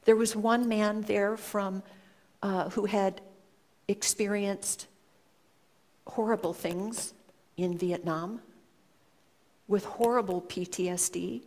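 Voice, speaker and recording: A woman speaks to an audience in a reflective storytelling talk. Her delivery is unhurried and earnest, with measured pauses between thoughts. Her voice sits at a mid pitch. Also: fairly even intonation, darkish tone. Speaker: speaker sharing a personal story.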